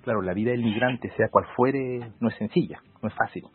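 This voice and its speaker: A man in his forties from Peru speaks at medium pitch with a breathy edge, his Peruvian accent clear as he reflects as a law professor guest in a casual interview. He's measured and uses many fillers; the audio is phone-like, with faint music behind.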